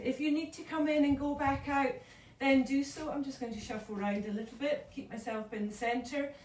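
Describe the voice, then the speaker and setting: A woman leading a yoga class, calmly cueing breath and movement, a little out of breath. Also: on the high side, a little hiss or hum. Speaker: yoga instructor. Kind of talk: live online yoga class instruction. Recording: echoey room, voice from far off.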